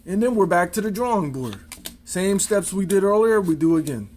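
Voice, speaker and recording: A man with a slightly high voice talks through card tricks at an easy pace. He counts cards out loud and drops in folksy showman lines. A faint hiss of noise sits under the recording. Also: expressive, moderate pace. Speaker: magician demonstrating card tricks. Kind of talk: casual card trick tutorial.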